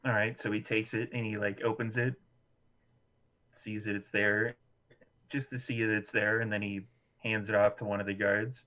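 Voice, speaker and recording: A man narrating a live tabletop game as game master, relaxed and quick to laugh. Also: lowish voice, highs cut off.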